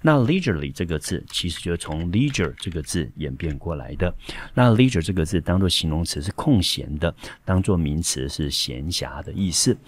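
A male high school English teacher with a Taiwanese Mandarin accent, explaining a textbook passage step by step with frequent fillers. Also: animated, normal speed.

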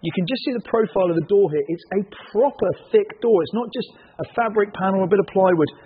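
Male presenter, West Country English accent, quick and husky, chatty and keen, muffled sound in a big warehouse. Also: high voice. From Somerset, West Country England. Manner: enthusiastic, chatty. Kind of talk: casual car auction preview chat. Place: large indoor car warehouse. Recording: muffled, echoing large hall.

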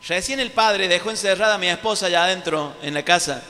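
A man with an Argentine Spanish accent preaching an animated sermon, acting out little scenes, his throat sore from the effort. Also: high voice, fast talker. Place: large church hall. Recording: live sermon with long hall reverb.

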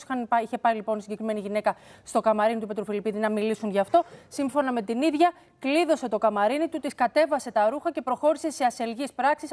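A woman's voice: a little high, a little mellow. A woman reporting on a court case on a TV news panel, retelling testimony in detail with a few restarts.

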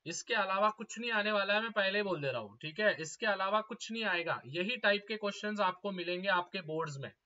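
A young man teaching a live exam-prep class, repeating each question and urging students to answer fast. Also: sits high, bright, forceful tone. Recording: slightly dull lo-fi audio.

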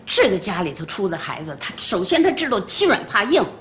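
A woman's voice: medium pitch, very animated, a little fast, roomy sound. A bossy grandmother. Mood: stern. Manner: scolding, bossy, sharp-tongued. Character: bossy sharp-tongued grandmother scolding a child. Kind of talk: TV drama acting.

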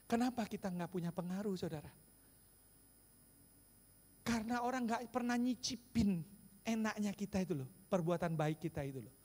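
A pastor preaches to his congregation in a high, lively voice. He keeps turning to them with questions and short calls. The sound rings out with the long reverb of a large church hall. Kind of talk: sermon.

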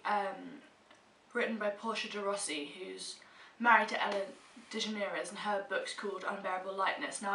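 Indoors in a small room at home, a young British woman nursing a stuffy cold does a casual monthly favourites video, talking to camera with emphasis. Her voice is mid-range, pushed and bright, captured through a distant mic with roomy echo and a faint hiss.

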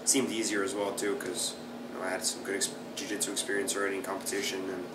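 Low, fairly monotone and fast-talking, this jiu-jitsu fighter and instructor in his thirties, from Brazil but raised in South Florida, gives easygoing casual interview answers packed with fillers like "uh" and "you know." He sits in an office chair in a small plain indoor room. The camera mic is far off, so the recording is echoey with background hum and noise.

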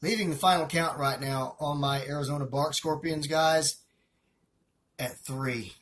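A man's voice: on the high side, steady tone, measured pace, a bit bright, breathy edge. A man with a Southern US accent narrating a casual feeding video as a hobbyist keeper, chatty and rambling, talking to viewers as guys. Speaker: hobbyist scorpion and tarantula keeper.

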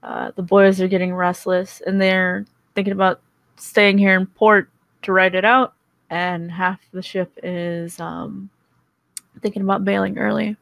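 A woman's voice: medium pitch, lively intonation, a little slow, vocal fry, a bit bright, dry recording. A woman voicing a blunt, businesslike male ship captain in a tabletop role-play over voice chat, in a plain, matter-of-fact manner. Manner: plain matter-of-fact speech, dropping her usual voice.

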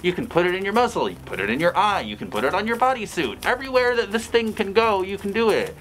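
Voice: mid-range voice, sing-song, fast, fairly bright tone, slight background noise, rough recording. A fursuiter giving blunt, chatty advice in a casual vlog, speaking through a costume head. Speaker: fursuiter vlogger.

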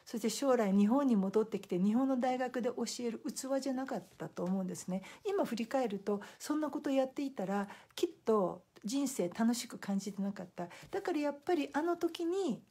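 A woman's voice: on the high side, brisk, hardly any pauses, husky. A middle-aged woman, a simultaneous interpreter, chatting casually to live-stream viewers and telling stories with acted-out quotes. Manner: lively storytelling with acted-out quotes.

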